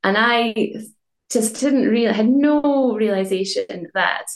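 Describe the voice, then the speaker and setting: Highland Scottish woman with a creaky voice. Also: takes it slowly, echoey room, poor audio. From Inverness, Scottish Highlands. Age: 40s. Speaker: rescued paddleboarder telling her own story. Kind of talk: personal account in an interview.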